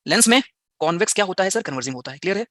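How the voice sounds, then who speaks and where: A man's voice: sits high, animated, racing, a bit bright, dry recording, studio quality. A slightly unwell man teaching a physics class online, firing rhetorical questions at his students and mixing English into his talk.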